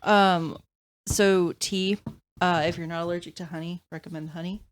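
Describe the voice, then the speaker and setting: Game master lady, lowish voice, lots of ums, chatting on a podcast. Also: fairly even intonation, moderate pace, slight background noise. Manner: rambling with many fillers. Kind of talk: casual podcast chat.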